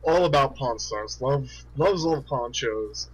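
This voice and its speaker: A man co-hosting a casual comedy podcast, an animated storyteller who laughs a lot. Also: mid-range voice, a little slow, husky, rough recording. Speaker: podcast co-host.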